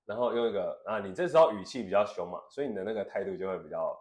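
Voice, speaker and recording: A man co-hosts a casual podcast and teases his partner in quick banter. His voice sits low and he talks fast. It is recorded in a room with a clear echo. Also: darkish tone. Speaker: podcast co-host. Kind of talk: casual chat. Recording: echoey room.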